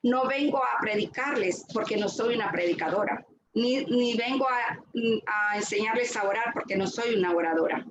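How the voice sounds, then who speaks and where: Woman speaker, fairly high voice, earnest testimony, echoey noisy room. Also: normal speed, lo-fi sound. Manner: earnest, repeats words while searching for them. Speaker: retreat speaker giving a talk. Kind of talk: faith testimony talk.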